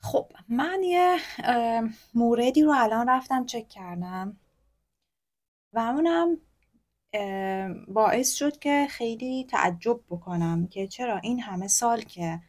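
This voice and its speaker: Brief: woman English teacher, Persian accent, slightly high voice, slow careful example readings, chatty asides. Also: lively intonation, darkish tone. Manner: reads English examples slowly, explains in Persian; chatty, corrects herself openly. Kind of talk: recorded textbook lesson.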